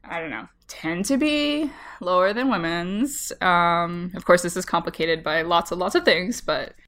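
A woman co-hosting a podcast in casual chat, with vocal fry, a slight cold and a giggly, halting, informal manner. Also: on the low side, a bit bright. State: has a slight head cold. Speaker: podcast co-host.

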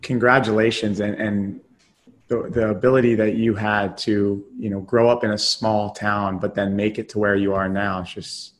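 A man's voice: on the low side, little pitch movement, moderate pace. A man hosting an interview, upbeat and full of praise, rephrasing the guest's points. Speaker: podcast host.

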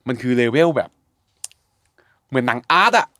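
A man in a casual podcast chat, blunt and animated, swearing lightly and acting out his own reactions. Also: medium pitch, normal speed, dry recording, clean studio sound. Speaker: guest food reviewer.

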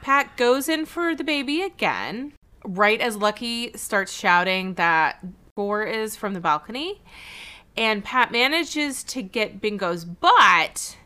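A woman co-hosting a podcast, recapping a cartoon episode in a casual, animated way with frequent laughs. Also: on the high side, clear, resonant tone. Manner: animated storytelling with laughs and quick asides. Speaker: podcast co-host.

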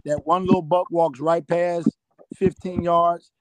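A man's voice: fairly high pitch, flat delivery, measured pace, low-quality recording. A middle-aged man telling rambling hunting anecdotes as a guest, often repeating "I said.". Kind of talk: storytelling anecdotes.

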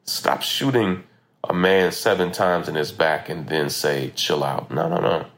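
An American man hosting a podcast, speaking emphatic, impassioned commentary informally, recorded roughly on a phone voice memo. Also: a little slow, a bit bright. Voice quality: gravelly, creaky low voice. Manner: emphatic, repeats phrases for stress. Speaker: podcast host.

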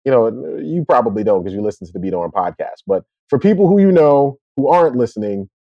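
A man co-hosting a podcast in casual chat, talking in a relaxed, thoughtful way. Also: medium pitch, fairly quick, creaky, dry recording, lo-fi sound. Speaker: podcast co-host.

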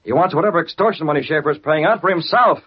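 An actor playing a confident, earnest newspaper publisher who is secretly a vigilante, in 1940s radio style. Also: male voice, a little high, very fast, breathy edge. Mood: resolute. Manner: decisive, earnest. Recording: muffled old radio recording.

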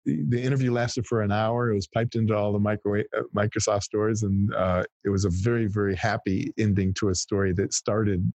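A man in his fifties, a guest on an interview show, telling animated stories and often repeating the first words of a phrase. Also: lowish voice, fairly quick, few pauses, no room sound. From Texas, US. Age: 50s. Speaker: guest, PR firm founder. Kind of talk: storytelling interview chat.

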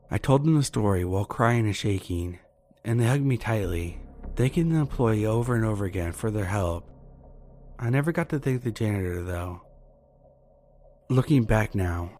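A man narrating a listener's true horror story in a measured, earnest way. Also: lowish voice, a little mellow, a little hiss or hum. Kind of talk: reading submitted true scary stories. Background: faint background music.

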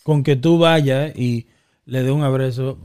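A man's voice: mid-range voice, steady tone, unhurried, a little mellow, clean tone. A man with a mid-range voice talks in a loose, conversational way. He presses his opinions hard, throws questions back at the listener, and repeats words to hammer them home. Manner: emphatic, questioning, repeats points. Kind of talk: casual chat.

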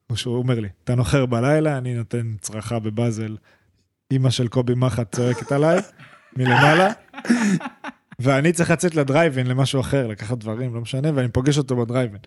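A young man co-hosting a laid-back podcast. He tells his story in rushed, animated bursts and keeps restarting his sentences, with plenty of slang. His voice sits at an ordinary middle pitch. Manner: rapid, animated retelling full of restarts and slang. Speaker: podcast co-host. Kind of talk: casual chat, storytelling.

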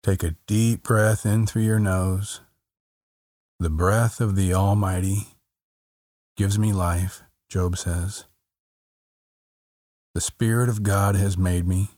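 Here a man with a deep, very low voice leads a meditation, unhurried and gentle. Phrases come back again and again, separated by long silences, all delivered softly and calmly in a close, dry recording free of any room sound.

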